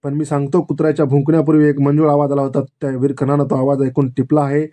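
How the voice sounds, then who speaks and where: Man reading stern old grandsire, commanding, grave, slightly high voice. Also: completely flat delivery, fast talker, dark tone, close to an everyday voice. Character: stern aged grandsire addressing a crowd.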